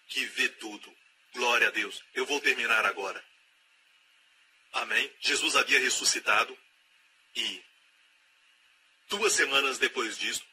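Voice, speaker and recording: A man's voice: mid-range voice, background noise. A man preaching a sermon with emphatic delivery, repeating key phrases again and again and acting out the voices of the people he quotes.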